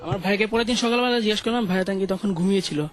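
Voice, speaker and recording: Young Bangladeshi man, high-pitched guest storyteller, rushes and stumbles through a ghost story. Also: soft background music. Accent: Bangladeshi Bengali. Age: young adult. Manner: hesitant, many fillers and restarts. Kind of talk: telling a true ghost story on a radio show.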